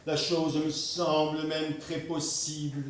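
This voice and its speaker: A man playing a stiff, ceremonious gentleman. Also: on the high side, flat delivery, far from the mic, a little hiss or hum. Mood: formal, wondering. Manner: slow, ceremonious, repetitive politeness. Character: polite stiff gentleman, earnest, formal. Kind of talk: stage play performance. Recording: echoey room, miked from afar.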